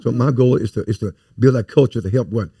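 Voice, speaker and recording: A man's voice: medium pitch, quick pace, dark tone, slightly rough, no echo, lo-fi sound. A man who coaches youth, talking earnestly on a talk show, repeating words and dropping rhyming sayings. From Louisiana, USA. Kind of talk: casual talk show conversation.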